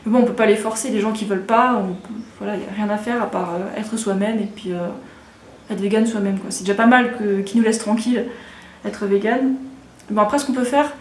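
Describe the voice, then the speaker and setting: A woman in her thirties from Alsace, France, chats casually and frankly as a vlogger answering viewer questions, rambling with plenty of fillers and restarts. Her mid-range voice is brisk with fairly even intonation. The sound is roomy, with a little hiss or hum.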